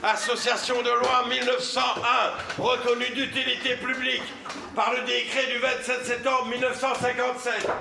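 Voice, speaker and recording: A man's voice: extremely high pitch, level tone, normal speed, gravelly. An actor on stage playing a long-winded male charity volunteer who stammers, repeats himself and lectures in slogans. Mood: insistent chatter. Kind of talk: stage comedy acting. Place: theatre stage. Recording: echoey theatre hall, background noise.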